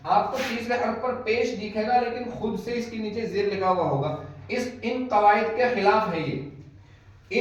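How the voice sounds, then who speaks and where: High-voiced man teaching in echoey room. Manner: patient, repeats each rule several times. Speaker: Quran teacher. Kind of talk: online recitation-rules lesson. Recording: echoey, dull, distant mic.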